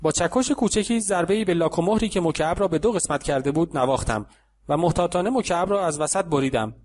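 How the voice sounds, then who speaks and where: A man reading an audiobook story aloud in a calm, even narrating voice, giving the characters light voices in the dialogue. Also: fairly high pitch, a little hiss or hum.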